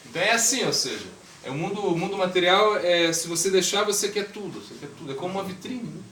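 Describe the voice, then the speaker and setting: A man's voice: sits high, animated, quick pace, sharp tone. A man as swami giving an informal spiritual talk, conversational, asking the audience questions and acting out voices. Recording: echoey room, mic far off, noisy.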